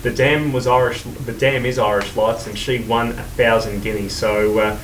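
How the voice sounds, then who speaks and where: A man's voice: mid-range voice, steady tone, normal speed, a bit bright. A man working as a racing tipster, giving horse form analysis and selections in conversation. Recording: roomy, distant mic, faint noise.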